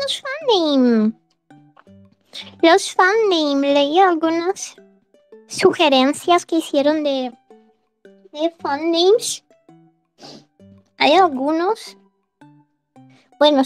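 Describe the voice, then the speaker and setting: A woman's voice: high voice, lively intonation, takes it slowly, pauses often, faint music behind. A woman streamer chatting casually with her listeners, rambling and giggling often between phrases. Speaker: streamer hosting a live audio chat.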